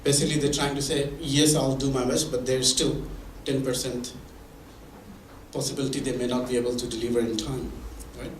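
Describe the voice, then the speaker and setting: Male presenter, mid-pitched, explaining with examples, heard from a distance in a roomy hall. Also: flat delivery, fairly quick, a little hiss or hum. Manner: explains with examples, many restarts. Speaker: presenter at a mentoring event. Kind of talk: conversational presentation. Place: meeting room or hall. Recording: echoey room from far off.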